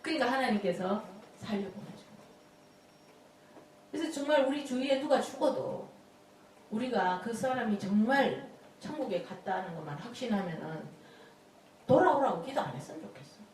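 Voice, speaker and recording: A woman's voice: a little high, moderate pace, pauses often, slight background noise. A woman telling folksy testimony stories as a Bible study teacher. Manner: animated, folksy storytelling with frequent laughs. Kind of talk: storytelling testimony sermon. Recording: very echoey room, distant mic.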